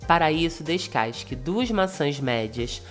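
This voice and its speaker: A Brazilian woman with a slightly low voice that sounds thin, reedy and cracked from flu. She guides viewers through a recipe in polite, scripted steps. Music plays faintly behind her narration. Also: animated, a little slow. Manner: polite, instructional address to viewers. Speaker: cooking channel host.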